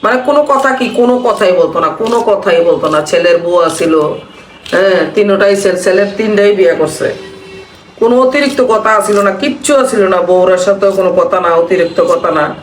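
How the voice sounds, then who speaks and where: A woman vlogger from Bangladesh talks while cooking, casually reminiscing in a mournful, repetitive manner. Her voice is mid-range, and she speaks at a normal speed. It's recorded from a distance in a roomy space, with faint noise.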